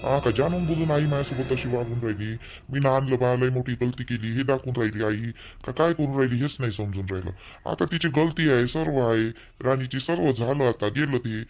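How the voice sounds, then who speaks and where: A man's voice: mid-range voice, brisk, darkish tone, lightly acted. A man voicing an anxious young husband, making worried, helpless appeals.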